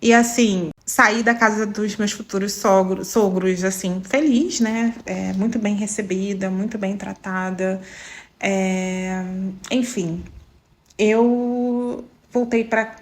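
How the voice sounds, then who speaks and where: A woman's voice: medium pitch, slow pace. A young adult woman from Brazil, telling her own love story to her viewers in a casual, emotional way and often calling out to them directly. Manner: animated, emotional, addresses viewers as "gente".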